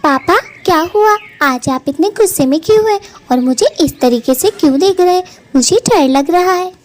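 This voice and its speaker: A woman's voice: extremely high pitch, expressive, moderate pace. A woman voicing a young daughter bird in a cartoon who pleads tearfully with her father. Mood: frightened. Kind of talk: Hindi cartoon voice acting.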